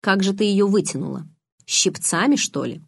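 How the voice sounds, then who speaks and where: A woman's voice: medium pitch, animated, moderate pace, vocal fry, husky, dry recording. An aloof teenage vampire boy, cool and mocking, read by a woman in an audiobook. He speaks in a dry, restrained, sardonic way. The sound is close and dry. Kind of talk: audiobook reading.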